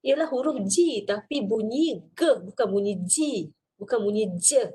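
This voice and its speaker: A woman's voice: a little high, animated, unhurried, warm tone, husky. A woman with a Malaysian Malay accent giving a recorded lecture, explaining step by step with many fillers.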